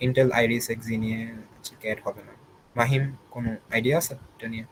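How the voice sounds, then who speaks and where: A man's voice: mid-range voice, little pitch movement, fairly quick, a little hiss or hum, rough recording. A young man hosting an online student Q&A, reading out questions and answering casually with English words mixed in.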